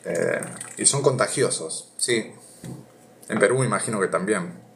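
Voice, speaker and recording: A Rioplatense-accented Argentine man reads philosophy on a live stream and talks casually with viewers, his thinking aloud full of hesitations. His voice is on the low side, unhurried and fairly bright with some vocal fry, over slight background noise.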